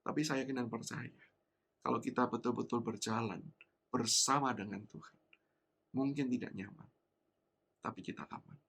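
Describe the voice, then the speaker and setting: A man preaching a sermon, telling a personal story in an animated way and acting out voices with big leaps in pitch. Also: normal speed, vocal fry, long pauses, husky. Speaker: pastor. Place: church service.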